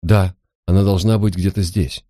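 A man's voice: low voice, fairly even intonation, normal speed, dark tone, no room sound, clean studio sound. A man reading as a proud, flustered woman.

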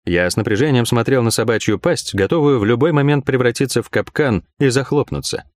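A man narrating a first-person fantasy audiobook in a wry, expressive way. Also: mid-range voice, a little fast, dry recording, clean studio sound.

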